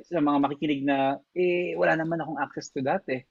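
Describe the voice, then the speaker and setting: A young Filipino man co-hosting a podcast, thinking out loud and asking questions in a casual chat. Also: on the high side, steady tone, a little fast, vocal fry, breathy edge, no echo, narrow, tinny audio. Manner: thoughtful, asks questions aloud, mixing English and Tagalog. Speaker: podcast co-host.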